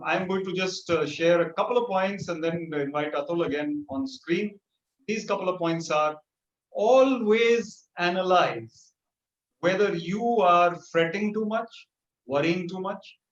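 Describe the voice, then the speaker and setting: A man speaking to teachers over a video call, telling an anecdote with animated storytelling and pitch lifts for punchlines. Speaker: motivational speaker. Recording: roomy, dull video-call audio.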